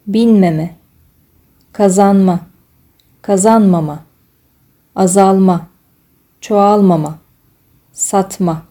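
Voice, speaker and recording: A woman reading a list of single words aloud, one at a time, in a measured way. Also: mid-range voice, warm tone. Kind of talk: reading a word list slowly.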